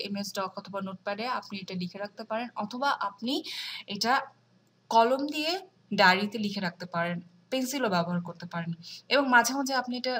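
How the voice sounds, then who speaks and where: A woman giving a beginner English lesson, switching between Bengali explanations and slow, careful English. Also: fairly high pitch, a bit bright, poor audio. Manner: slow deliberate English delivery. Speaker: English teacher.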